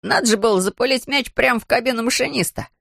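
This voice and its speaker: A lively young schoolboy, voiced by a woman reader, chatters in a raised, bright voice. He sounds excited, with a dry, close tone. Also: a little high, quick pace, creaky, no echo, voice pushed up.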